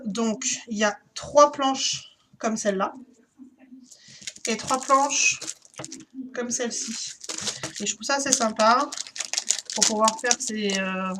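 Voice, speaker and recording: A woman's voice: fairly high pitch, a bit bright, a little hiss or hum. A woman chatting casually through a shopping haul, hesitant and full of fillers. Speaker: YouTuber.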